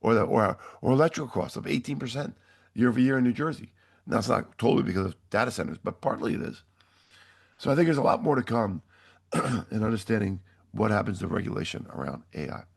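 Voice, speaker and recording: A hoarse man hosting a weekly market commentary, chatty and opinionated in a casual, straight-talking way. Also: fairly low pitch, lively intonation, fast.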